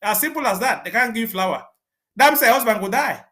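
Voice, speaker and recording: A man with a Cameroonian Pidgin English accent, speaking as a commander in a livestream interview and laying out orders in a forceful, declamatory way with repeated warnings. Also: extremely high pitch, animated, a little fast.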